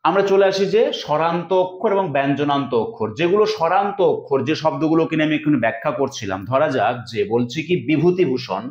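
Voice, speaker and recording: A man's voice: on the high side, fast talker, few pauses. A male teacher giving an exam-prep lesson, explaining step by step and asking and answering his own questions. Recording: echoey, dull lo-fi room sound.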